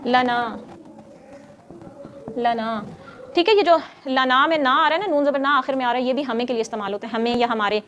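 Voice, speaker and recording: A woman's voice: high-pitched, a bit bright. A woman teaching a grammar class who explains step by step, quizzes her students and scolds them when they get noisy.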